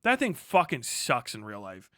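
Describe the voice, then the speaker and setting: A man hosting a livestream reacts to videos with casual, profane, exasperated ranting and heavy swearing. His medium-pitched voice swoops wildly at a moderate pace, with a fairly bright tone in clean studio quality without room sound.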